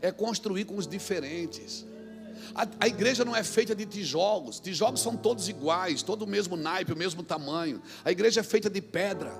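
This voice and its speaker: A Brazilian pastor preaches in a very high, gravelly voice. He moves from shouted exhortation down to quiet, acted-out anecdotes. Faint music plays beneath his sermon. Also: brisk. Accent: Brazilian Portuguese.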